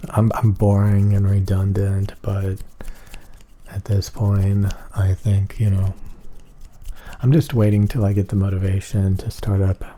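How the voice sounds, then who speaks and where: A man rambling in a flat, emotionless monotone for an ASMR video, with a husky voice. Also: low-pitched, measured pace.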